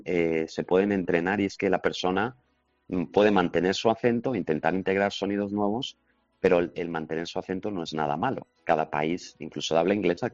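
A man's voice: low voice, dry recording. A man, answering interview questions as a language teaching expert, confident and explanatory. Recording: slightly dull lo-fi recording.

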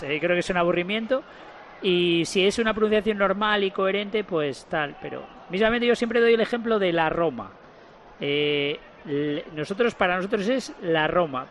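Hesitant high-voiced football analyst. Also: male voice, a little hiss or hum. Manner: hesitant, full of fillers and restarts. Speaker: co-commentator. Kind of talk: football analysis and casual chat.

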